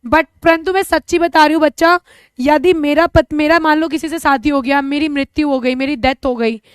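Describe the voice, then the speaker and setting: A woman's voice: high voice, steady tone, moderate pace, dry recording. A young woman teacher with an Indian accent giving a live online class, chatty and joking, mixing two languages as she explains. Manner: chatty, jokey, switches between two languages.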